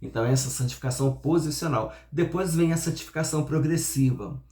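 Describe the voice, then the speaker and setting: A man's voice: fairly high pitch, brisk, warm tone. A man with a Brazilian Portuguese accent teaching a Sunday school Bible lesson, explaining step by step and often restarting and repeating words. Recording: echoey room.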